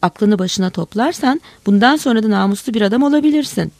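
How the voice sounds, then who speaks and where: A woman reading aloud voices a cunning old man who coaxes and mocks a dying friend in a brisk, persuasive way. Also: medium pitch, animated, darkish tone, dry recording. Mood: coaxing.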